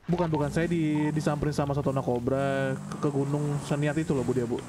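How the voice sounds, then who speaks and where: A man's voice: a little high, fairly even intonation, fast, background noise. A man chatting casually in character during a game roleplay, easygoing and teasing. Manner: easygoing, teasing, calls out directions. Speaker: roleplay streamer playing a gang member.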